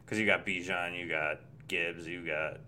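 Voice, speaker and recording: A man with a deep voice and a bright edge chats casually about football. He speaks as a podcast panelist. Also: fairly even intonation, moderate pace.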